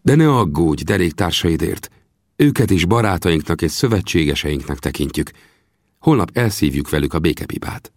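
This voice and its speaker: A man's voice: low voice, expressive, dry recording, clean studio sound. Winnetou, a man voicing a proud young Apache chief. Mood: solemn. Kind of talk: audiobook character voice.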